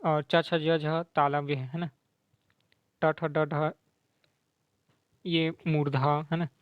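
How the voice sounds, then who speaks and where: Male grammar teacher, slow and repetitive delivery, slightly higher voice, dry muffled sound. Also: flat delivery, smooth, no room sound. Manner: mixes English words into Hindi explanation; sounds out letters slowly to demonstrate. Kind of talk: explaining quiz answers to students.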